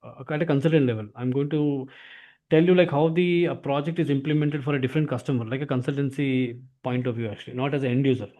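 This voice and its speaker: An SAP course tutor with an Indian accent chats casually and persuasively with a prospective student, often repeating himself and tagging sentences with "actually." His mid-range voice moves at a quick pace and sounds mellow.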